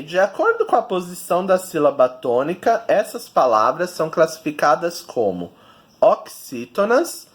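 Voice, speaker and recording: A man, a teacher giving a recorded video lesson and patiently explaining each step to children. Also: on the high side.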